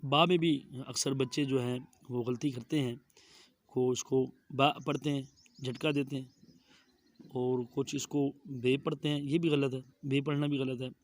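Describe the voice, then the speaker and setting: A middle-aged man with a Pakistani Urdu accent teaching Quranic letter pronunciation, saying each sound slowly and with care. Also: mid-range voice, no room sound. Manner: drawn-out careful letter pronunciation, monotone delivery. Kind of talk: slow methodical recitation lesson.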